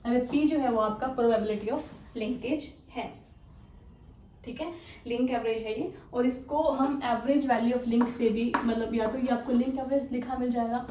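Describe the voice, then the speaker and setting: A woman's voice: fairly high pitch, steady tone, measured pace, recorded from a distance, dull audio. A woman teaching a chemistry exam-prep lecture, explaining step by step, asking rhetorical questions and mixing in English technical terms. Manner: mixes English technical terms into her talk. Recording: echoey room, voice a bit off-mic, faint hiss.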